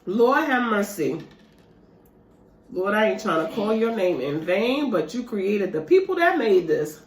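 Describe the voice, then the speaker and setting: A woman with a mid-range, sing-song voice talks at a measured pace. She's a vlogger eating dessert at home and chatting casually and animatedly with viewers, mukbang-style, recorded in an echoey room.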